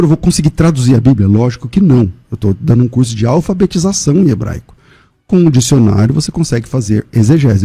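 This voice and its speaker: A Brazilian man, a pastor and teacher, making a chatty radio pitch for a course, often correcting himself and speaking straight to listeners in a studio. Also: gravelly, warm tone, breathy edge. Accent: Brazilian Portuguese. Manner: chatty, self-correcting, direct address to listeners.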